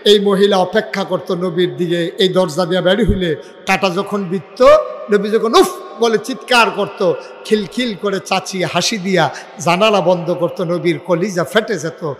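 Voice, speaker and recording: A male preacher gives a fiery storytelling sermon at an outdoor gathering, shouting for responses from the crowd and cracking jokes. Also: high-pitched, normal speed, big-room sound, a little hiss or hum.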